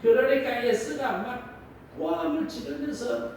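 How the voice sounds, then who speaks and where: A male pastor preaching a sermon, telling a story in a lively, colloquial way. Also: very high-pitched, measured pace, a little hiss or hum. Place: large church sanctuary. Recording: echoey church hall, distant mic.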